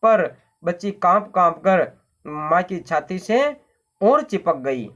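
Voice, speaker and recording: A man's voice: high voice, big pitch swings, takes it slowly, fairly bright tone, dull audio. A man teaching a textbook story, repeating phrases and explaining word meanings, often checking with "hmm?". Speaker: Hindi teacher.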